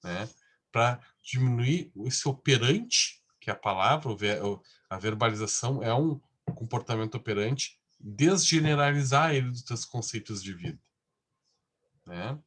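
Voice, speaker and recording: A man's voice: mid-range voice, expressive, unhurried, a bit bright. Male lecturer, conversational class delivery with constant tag questions.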